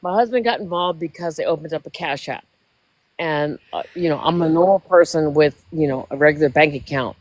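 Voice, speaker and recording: A woman's voice: sits low, brisk, dry recording. A woman in her sixties, a livestream guest, telling a story in casual chat, emotional and rambling, often repeating herself. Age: 60s.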